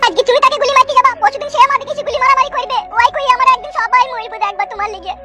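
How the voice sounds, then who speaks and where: A woman voicing a nagging older village mother, shrill and scolding, in a comic cartoon. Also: rapid-fire, loud music behind the voice.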